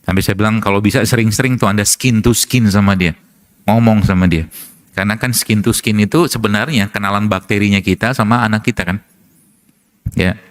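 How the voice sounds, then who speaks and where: A man's voice: lowish voice, steady tone, a little fast. Chatty middle-aged male preacher telling stories. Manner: chatty storyteller, laughs often, asks rhetorical questions. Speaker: preacher and doctor. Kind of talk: casual religious talk with anecdotes.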